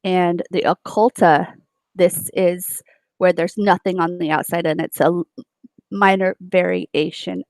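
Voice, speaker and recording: A woman instructor walks students through course material, pausing on fillers and correcting herself mid-word. Her voice sits low with a gravelly edge. The recording is dry and close. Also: fairly even intonation, a little mellow, no echo. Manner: explanatory, with frequent fillers and self-corrections. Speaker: nursing instructor. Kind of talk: recorded lecture.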